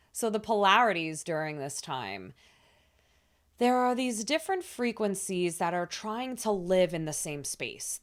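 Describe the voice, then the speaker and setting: Soft-spoken low-voiced woman. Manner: soft, soothing, with casual fillers. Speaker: spiritual astrology channel host. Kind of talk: gentle spiritual talk to camera.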